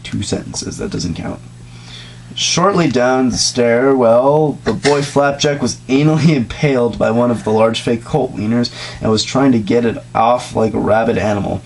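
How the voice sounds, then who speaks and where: An amateur reader of comedic fan fiction, a man with a medium-pitched voice, gives a loose mock-dramatic reading at a moderate pace. He cracks jokes in asides and sometimes trips over words. The amateur recording is rough, with background noise.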